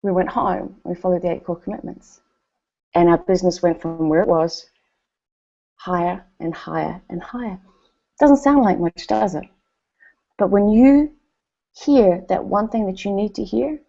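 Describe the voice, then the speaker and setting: This woman's mid-range, gravelly voice moves at a moderate pace with long pauses, captured in lo-fi sound. A New Zealander with a matching accent, she gives a motivational speech at a company event, animatedly recounting stories and quoting what others said.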